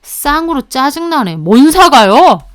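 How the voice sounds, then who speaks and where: A woman voicing a rude, sneering male restaurant owner who mocks and shouts at people. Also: high-pitched, very animated, measured pace, dry recording, clean studio sound, pitched above the performer's own voice. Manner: shouting, mocking.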